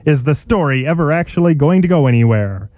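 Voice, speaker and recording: Man as a mellow mock-dramatic serial announcer. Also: on the high side, lively intonation, a little fast, dry recording, natural voice. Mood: mock suspense. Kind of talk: old radio serial parody narration.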